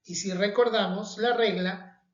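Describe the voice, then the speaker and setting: Slow, careful woman teaching spelling. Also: medium pitch, steady tone. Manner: slow, careful, stresses example words. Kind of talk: recorded spelling lesson. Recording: dull echoey room.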